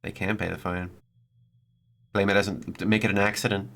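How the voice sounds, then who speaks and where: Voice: sits low, level tone, normal speed, gravelly, a bit bright. A streamer giving casual, wry playthrough commentary and reading game text aloud, with irreverent asides. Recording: music playing behind the voice.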